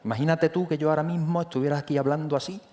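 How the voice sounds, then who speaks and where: A man's voice: fairly high pitch, steady tone, racing, dark tone. A man preaching a sermon in a church, talking conversationally and often restarting his phrases. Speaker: pastor. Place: church hall.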